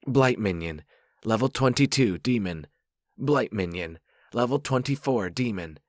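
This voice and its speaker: A man's voice: lowish voice, expressive, unhurried, a little mellow, no echo, studio quality, voice pushed up. A man doing a formal game system announcer. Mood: announcing. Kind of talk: audiobook narration.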